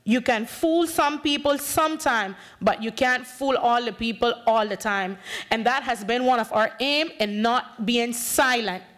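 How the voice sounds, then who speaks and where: Through a podium microphone, a community activist in her thirties from the Bay Islands of Honduras speaks on a conference panel with a Bay Islands English accent. Her slightly high, fairly bright voice keeps a measured pace as she passionately and emphatically gestures widely and acts out dialogue.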